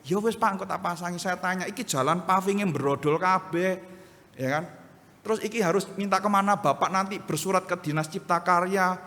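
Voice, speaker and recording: A pastor with an East Javanese accent, preaching a sermon full of stories and acting out other people's lines with animation. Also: male voice, high-pitched, a little fast, big-room sound. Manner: animated, acts out other voices in anecdotes. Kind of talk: sermon with storytelling. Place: church hall.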